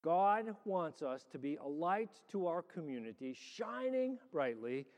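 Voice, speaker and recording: A man's voice: fairly high pitch, sing-song. Male pastor preaching in a reverberant hall. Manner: measured, deliberate church delivery in short phrases. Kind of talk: sermon with prayer and scripture reading. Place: large reverberant church.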